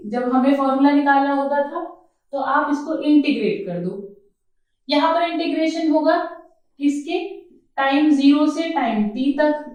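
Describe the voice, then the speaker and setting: A woman teaching a chemistry lecture. She talks in a coaxing way, keeps checking that her students follow, and addresses them affectionately. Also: sits high. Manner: coaxing, checks understanding, calls students "beta". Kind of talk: classroom lecture. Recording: very echoey room, mic far off.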